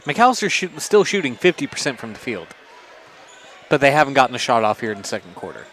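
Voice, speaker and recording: A man with an Oklahoma accent giving calm color commentary on radio, adding stats and foul counts. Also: mid-range voice, quick pace, slight background noise. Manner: calm, adds stats and fouls.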